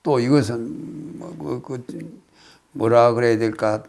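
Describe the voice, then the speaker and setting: An older man from Korea, a Buddhist monk, giving a casual spoken lecture on a classical text, reciting phrases and then explaining them with many pauses. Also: medium pitch, gravelly, darkish tone. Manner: explains slowly, reciting phrases then paraphrasing, with frequent hesitations.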